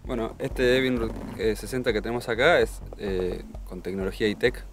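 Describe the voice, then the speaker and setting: A man, an engine dealer's representative, explaining technical details with pauses and fillers. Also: lowish voice, a little hiss or hum. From Argentina.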